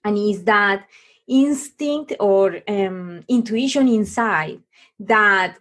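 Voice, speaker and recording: Her voice sits in the mid range with a slightly bright quality. She is a middle-aged woman from Colombia, a podcast guest earnestly relating her life in a halting way, often beginning again.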